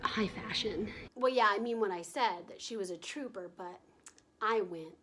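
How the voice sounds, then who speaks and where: A young woman talking through her travel vlog in a bubbly, giggly way, gushing with drawn-out enthusiasm. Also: medium pitch, bright, forceful tone, a little hiss or hum. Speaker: travel vlogger. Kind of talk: casual vlog narration.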